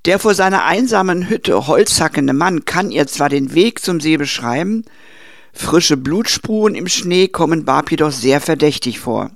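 A man narrating a film review in a brisk, summarizing way. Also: on the high side, animated, vocal fry, no echo, studio quality. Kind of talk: scripted narration.

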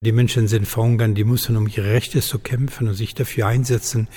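A man in his seventies from Afghanistan with an Afghan accent, a former diplomat speaking earnestly in halting German with many fillers. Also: fairly low pitch, steady tone, mellow, husky. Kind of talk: interview testimony. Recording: long hall reverb.

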